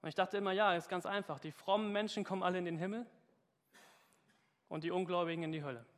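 A man's voice: high voice, fairly even intonation, fast talker, long reverb tail. A man preaching a sermon and reading a parable aloud, earnest and questioning, talking straight to his congregation.

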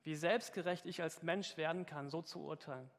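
A man's voice: fairly high pitch, steady tone, moderate pace. Earnest preacher man in a reverberant church. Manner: earnest, questioning, speaks straight to the congregation. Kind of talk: sermon with Bible reading.

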